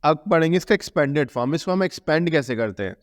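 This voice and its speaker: A man's voice: fairly high pitch, lively intonation, quick pace. A male math teacher explaining a lesson, often asking a question and then answering it himself. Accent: Indian English. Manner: repeats key terms, asks and answers own questions; mixes English terms into Hindi explanation. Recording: long reverb.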